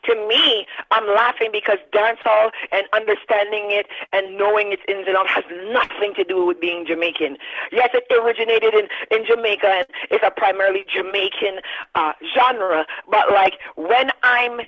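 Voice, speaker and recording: A woman in her thirties, a radio interview guest, making an animated, emphatic argument. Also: medium pitch, normal speed. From Barbados. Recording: dull lo-fi sound.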